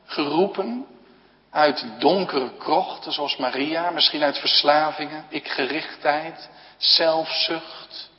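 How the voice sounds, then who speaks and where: A man preaching a sermon at a slow, earnest pace, with long pauses between short phrases. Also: fairly high pitch. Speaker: pastor. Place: church. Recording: dull, lo-fi recording with long church reverb.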